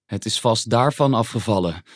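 A man voicing a small, timid male creature who squeaks anxiously in a storybook reading. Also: huge pitch swings, a little slow, breathy edge, dry recording, studio quality, full character voice. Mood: disappointed.

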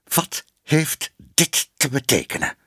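A man's voice: fairly high pitch, very animated, extremely slow, breathy edge, no echo, studio quality, pitched above the performer's own voice, heavily acted. A man doing a furious pompous rich man. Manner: trembling, shouting.

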